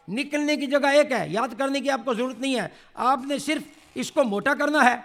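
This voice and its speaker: A man with a very high, slightly bright voice runs a classroom tajweed session on Quran recitation. He has the group repeat after him in call-and-response drills and steps in to correct their pronunciation.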